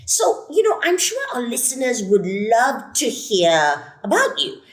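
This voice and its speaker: Enthusiastic woman host, lively pitch. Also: measured pace, echoey room. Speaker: host, program director. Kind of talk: scripted podcast introduction.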